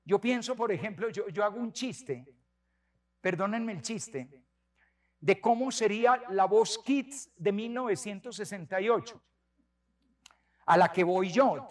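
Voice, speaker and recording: A priest in his sixties giving a sermon, telling stories with animated delivery and repeating words for emphasis. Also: sits high, takes it slowly, long pauses. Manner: animated storytelling, many repetitions.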